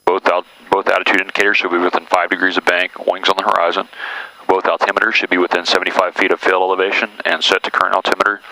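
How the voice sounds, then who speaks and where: A man's voice: low voice, flat delivery, fast, few pauses, pushed and bright, low-quality recording. A man giving informal, step-by-step flight instruction over a cockpit headset intercom. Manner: explanatory, step-by-step. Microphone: aviation headset intercom.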